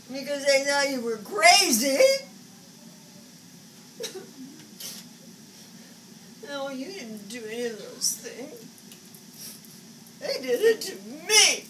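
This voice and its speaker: In a small indoor stage set, a woman in her seventies plays a flamboyant, agitated psychic, her slightly high voice scolding spirits in a dramatic monologue. Anguished and angry, she swings from halting mutters to exasperated outbursts. A camera a few metres away captures it from a distance in a noisy room.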